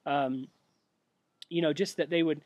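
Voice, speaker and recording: A young man who has been sick, giving an earnest, halting spoken update with many restarts. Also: fairly high pitch, steady tone, darkish tone, dry recording. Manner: earnest and prayerful. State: sick with a cough. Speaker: missionary giving a monthly update.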